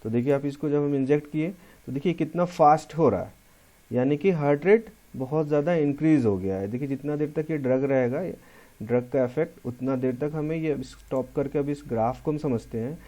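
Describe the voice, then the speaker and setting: Dark-voiced Hindi-accented male lecturer. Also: a little high, brisk. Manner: explanatory, repeats key terms, mixes English terms into Hindi. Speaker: pharmacy lecturer. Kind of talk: classroom lecture walkthrough.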